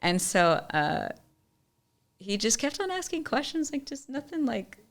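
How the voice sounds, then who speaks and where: A young woman telling a personal story as a podcast guest, animated and chatty, leaning on "like" a lot. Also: high voice, measured pace, vocal fry. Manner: animated storyteller, often says "like". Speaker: podcast guest, musician and entrepreneur. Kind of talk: storytelling in casual interview.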